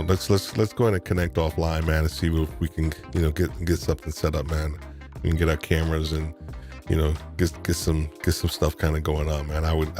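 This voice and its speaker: Chatting casually on his live stream, the host is a deep-voiced man from New York. His speech wanders, with frequent restarts and words said more than once.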